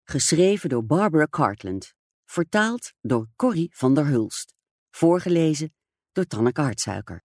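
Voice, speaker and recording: A woman narrating an audiobook in a measured, expressive storytelling manner. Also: sits low, no room sound, clean studio sound. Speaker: audiobook reader.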